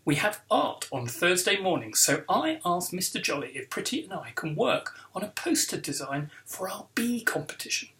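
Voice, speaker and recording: A man, the author, reading aloud from his children's book with expressive storytelling. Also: high voice, normal speed, hardly any pauses. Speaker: author and illustrator.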